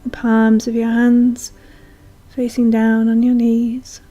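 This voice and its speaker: A woman with a voice on the high side guides a meditation, speaking in a soothing, hushed manner and leaving long pauses. Calm meditation music plays softly behind her voice.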